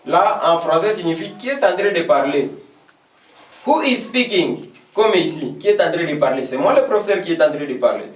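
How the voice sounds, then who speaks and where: A man teaching a beginner language lesson, slowly repeating each example phrase. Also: sits high. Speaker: English teacher. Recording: echoey room, voice from a distance.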